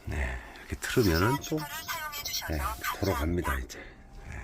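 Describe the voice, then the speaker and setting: A man's voice: a bass voice, very animated, normal speed, loud music behind the voice. A man giving a joking, chatty hands-on walkthrough of a camper van, counting steps aloud as he goes. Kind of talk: casual hands-on product walkthrough.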